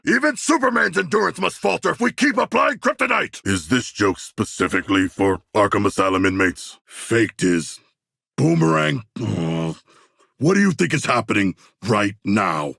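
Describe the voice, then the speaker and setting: A man voicing King Shark, a hulking, proud, literal-minded shark-man in a video game, with a deep gravelly voice and stilted, grandiose formal diction. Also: bright, forceful tone, no echo, studio quality, heavily acted. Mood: triumphant, then measured, curious. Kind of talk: video game character voice lines.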